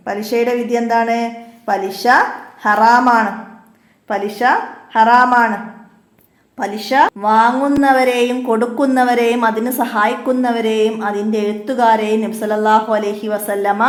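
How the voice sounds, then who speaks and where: Woman teacher repeating answers, echoey room. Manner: repeats each answer slowly, drops low on reminders. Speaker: madrasa teacher. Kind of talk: exam revision lesson.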